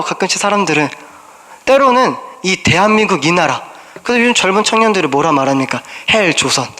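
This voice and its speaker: High, bright-voiced young Korean preacher. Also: male voice. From South Korea. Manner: asks the congregation questions, voices prayers in first person. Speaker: junior pastor. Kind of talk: sermon.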